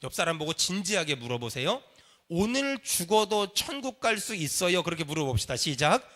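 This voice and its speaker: A man's voice: high voice, big pitch swings, brisk, fairly bright tone. A man preaching a sermon in a church, leading the congregation in call and response. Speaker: pastor. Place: church sanctuary.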